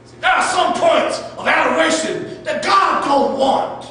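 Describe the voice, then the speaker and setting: A pastor preaching a fervent sermon, repeating his phrases and rising to shouts. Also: extremely high pitch, unhurried, recorded from a distance. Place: church sanctuary. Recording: very echoey church, voice from afar, faint noise.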